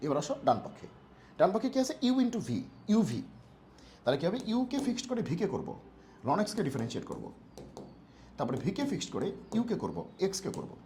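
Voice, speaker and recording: A man tutoring math for an exam, fast and playful, using jokey homely analogies. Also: high voice, wildly swooping pitch, dark tone, a little hiss or hum. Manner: talks fast on purpose. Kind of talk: exam-prep math lesson.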